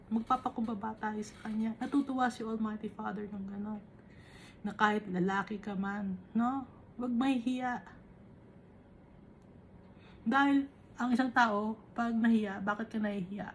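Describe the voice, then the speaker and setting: A woman preaching, reading Bible verses slowly and explaining them in a chatty way, often asking "right?". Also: on the high side, a little hiss or hum. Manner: Taglish, reads scripture slowly then explains conversationally with tag questions.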